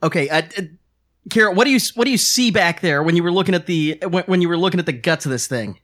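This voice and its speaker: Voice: mid-range voice, expressive, quick pace, a bit bright. A player in a tabletop game, stammering and flustered while describing their actions. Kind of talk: casual tabletop game chat.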